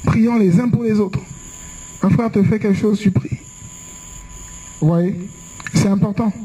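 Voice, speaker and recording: A man's voice: high voice, fairly even intonation, measured pace, mellow, slight background noise, low-quality recording. A young man preaching a conversational sermon, telling personal stories and asking rhetorical questions.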